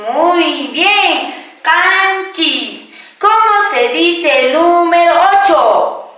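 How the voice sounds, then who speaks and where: A Quechua teacher with a high, bright, forceful voice leads a classroom-style language lesson, speaking very slowly and stretching out each word. She patiently asks questions and answers them herself. Her voice rings through an echoey room, captured from some distance.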